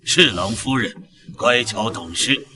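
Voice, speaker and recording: An actor playing a stern, proud noble marquis in a costume drama, speaking in a stiff, commanding way. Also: male voice, lowish voice, a little slow, bright, forceful tone, a little hiss or hum. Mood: formal. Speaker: head of a noble house. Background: music.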